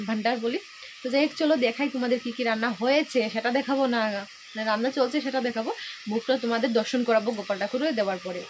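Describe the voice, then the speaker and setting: Fast-talking chatty woman vlogger. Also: on the high side, slight background noise. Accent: Sylheti-influenced Bengali. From Assam, India. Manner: chatty, addresses viewers as friends. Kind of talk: casual home vlog narration. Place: village home kitchen and yard.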